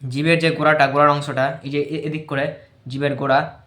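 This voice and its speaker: A man giving an informal lesson, explaining patiently and loudly repeating the letter sounds for practice. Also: on the high side, little pitch movement, brisk, echoey room. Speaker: teacher of Quran letter pronunciation.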